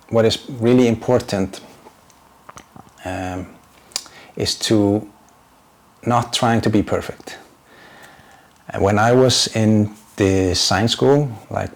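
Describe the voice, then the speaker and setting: This man in his forties, a graphic designer who makes YouTube videos, talks in a lowish, creaky voice with an Icelandic accent. His unscripted vlog English, his second language, is casual and hesitant, full of fillers as he gropes for words.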